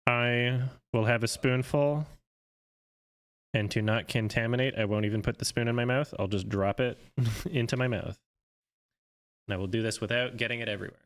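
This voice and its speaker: A man in his thirties from Canada chats casually on a live stream and cracks sarcastic jokes. His voice sits at an ordinary middle pitch. The talk is loose and off the cuff. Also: steady tone. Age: 30s. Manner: sarcastic, quick to joke. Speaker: guest film critic.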